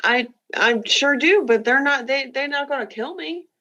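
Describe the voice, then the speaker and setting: A woman's voice: high-pitched, normal speed, sharp tone. A woman co-hosting a podcast, chatting casually with frequent laughs and swearing. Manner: giggly, profane chatter. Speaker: podcast co-host. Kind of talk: casual chat.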